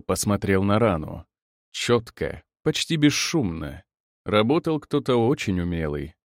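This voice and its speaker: Expressive male audiobook narrator. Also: no echo, clean studio sound. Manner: expressive, dramatic drops to a low murmur. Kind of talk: first-person audiobook narration.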